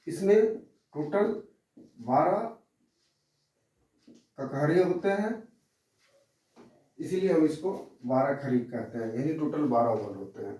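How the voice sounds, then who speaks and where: Slow-talking male teacher in an echoey room. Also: on the high side, dark tone. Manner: slow, repetitive explaining, pointing at a board. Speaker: English teacher. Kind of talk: classroom lesson. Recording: very echoey room, mic far off.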